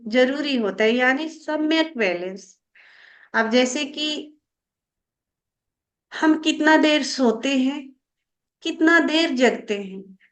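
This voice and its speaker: Woman meditation teacher, calm and explanatory, unhurried, high-pitched delivery. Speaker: spiritual teacher. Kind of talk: slow spiritual guidance talk.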